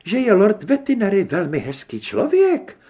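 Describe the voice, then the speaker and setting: A man's voice: high voice, wildly swooping pitch, dark tone, breathy edge, voice pushed up, heavily acted. A male narrator voicing a fussy, genteel middle-aged woman, prim and easily flustered. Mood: polite.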